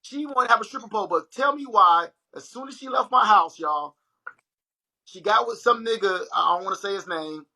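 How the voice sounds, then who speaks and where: A young man hosts a casual livestream and talks straight to his viewers. His voice is high, very bright and husky. He tells his story in an animated way. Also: moderate pace, low-quality recording. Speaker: livestream host. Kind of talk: casual chat.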